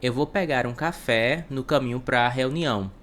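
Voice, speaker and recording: A man's voice: medium pitch, a bit bright, slight background noise. Brazilian man teaching English patiently. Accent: Brazilian Portuguese. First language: Portuguese. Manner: slow, carefully spaced English examples with Portuguese translations. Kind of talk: explanatory online lesson.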